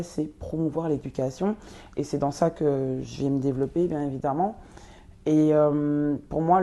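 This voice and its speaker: A young woman who grew up in Belgium and was born in Congo, answering interview questions with many pauses and fillers. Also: low voice, warm tone. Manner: hesitant, many fillers and restarts. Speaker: guest, nonprofit co-founder.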